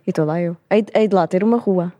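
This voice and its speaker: A woman's voice: on the low side, quick pace, dull audio. A young adult woman with a European Portuguese accent, co-hosting a casual podcast chat and telling stories with acted-out dialogue. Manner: animated storyteller, acts out dialogue. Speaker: podcast co-host.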